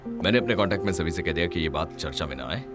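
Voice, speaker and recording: Big-shot businessman, super low voice, talks fast and bossy. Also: lively intonation. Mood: commanding. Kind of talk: Hindi movie dub. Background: background music.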